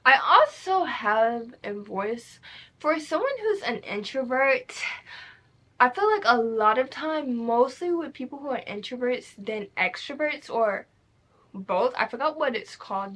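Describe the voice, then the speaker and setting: With a fairly high, fairly bright voice, a young adult woman talks through her own solo podcast in a loose, candid, rambling way, cursing freely as she goes.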